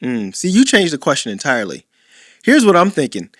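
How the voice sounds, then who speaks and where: A man co-hosts a dating podcast in easy, playful chat. His somewhat high voice swings widely in pitch as he acts out quoted lines, and the sound is dry and close-miked. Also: wildly swooping pitch, brisk, a bit bright, no echo. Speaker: podcast co-host, dating coach. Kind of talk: casual chat.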